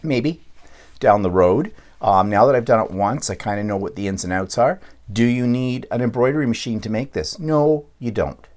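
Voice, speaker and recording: A middle-aged man from Canada, chatting casually on his quilting vlog, rambling with frequent ums and restarts, clearing his throat now and then. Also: medium pitch, animated, normal speed, darkish tone. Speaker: quilting vlogger. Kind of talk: casual show-and-tell vlog.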